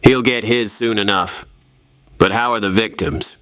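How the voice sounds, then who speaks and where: A man's voice: on the low side, unhurried, fairly bright tone, smooth, no echo. A man voicing a young, self-deprecating superhero in video game dialogue, with a wry, quippy manner. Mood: earnest.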